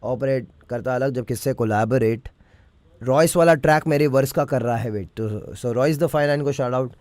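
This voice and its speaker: A man explains his rap lines in loose, relaxed talk, mixing English phrases in and often checking that the listener follows. His voice sits at an ordinary pitch and is recorded close and dry, with no room sound. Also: moderate pace, no room sound. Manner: keeps checking the listener understands, mixes English phrases into Hindi. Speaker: rapper explaining his lyrics. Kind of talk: casual lyric breakdown.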